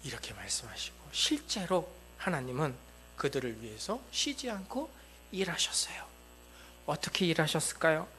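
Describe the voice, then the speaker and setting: A man's voice: a little high, huge pitch swings, normal speed, bright, forceful tone, slight background noise. A male pastor preaching a sermon in a church. He speaks emphatically and keeps asking the congregation rhetorical questions. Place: church sanctuary.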